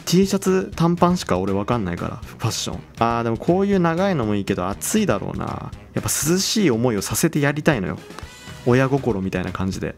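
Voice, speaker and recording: A young man talks his way through a game in a casual, chatty commentary. His pitch swings around a lot as he gets excited over each new thing, and faint background music plays beneath him. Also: fast, gravelly. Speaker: game channel host.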